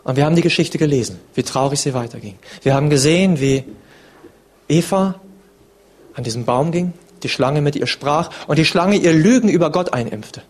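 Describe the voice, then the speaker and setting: Guy preaching, earnest and dramatic, slightly husky voice, goes quiet a lot then pushes up. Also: on the high side, normal speed. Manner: earnest, dramatic swings from loud to hushed. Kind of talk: sermon.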